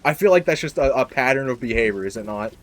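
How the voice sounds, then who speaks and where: A young man hosting a casual podcast chat, rambling and self-deprecating with sudden loud exclamations. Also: mid-range voice, lively intonation, quick pace. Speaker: podcast host.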